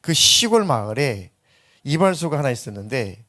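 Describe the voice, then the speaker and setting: A man's voice: medium pitch, normal speed. A middle-aged man preaching a sermon as pastor, telling stories and acting out voices. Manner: lively storytelling, acts out voices in anecdotes.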